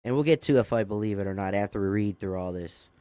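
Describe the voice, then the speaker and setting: A man's voice: fairly low pitch, fast, mellow, clean tone, no echo. A young man hosting a live show, reading a news story aloud and reacting to it casually. He swears often, sounds amazed, and corrects himself a lot. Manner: swearing, easily amazed, with frequent fillers and self-corrections. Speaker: show host.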